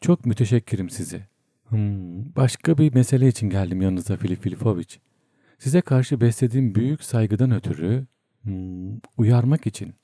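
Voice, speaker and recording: A courteous, heavyset military man, put on by a male storyteller, hesitating with little hums. The voice is dark and low, and the recording is dry. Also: moderate pace, dry recording. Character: large, polite middle-aged military man.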